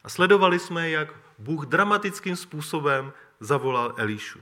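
Male Bible teacher, measured narration with reflection, bright and slightly high voice. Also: expressive. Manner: measured storytelling with occasional throat clearing. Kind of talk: Bible story reading with commentary.

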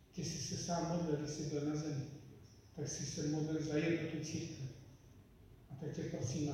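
A man preaching and leading prayer, earnest and pleading, sometimes dropping to a hush. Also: fairly high pitch, far from the mic. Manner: earnest, pleading prayer with soft hushed passages. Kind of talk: sermon and prayer. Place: church hall. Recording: echoey hall, miked from afar, background noise.

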